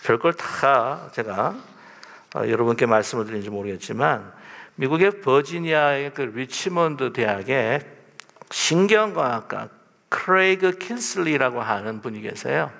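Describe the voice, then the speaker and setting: A male pastor giving a lively, conversational sermon from the pulpit, often turning to ask the congregation questions. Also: mid-range voice, a little slow, gravelly. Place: church sanctuary, at the pulpit. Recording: long church reverb.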